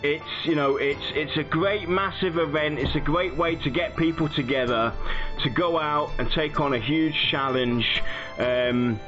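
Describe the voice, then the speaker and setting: A man hosting a casual online debate show, easy and chatty, quick to joke back when he is cut off. His voice sits at an ordinary male pitch. The audio is a bit muffled, with faint music playing underneath. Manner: bantering, mock-indignant when interrupted. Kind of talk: casual podcast chat.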